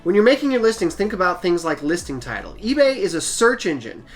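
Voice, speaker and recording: A man's voice: sits high, sing-song, fairly quick, faint music behind. A man hosting his own channel, giving practical selling advice in a casual, plain-spoken way. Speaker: channel host, eBay seller. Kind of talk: casual how-to talk to camera.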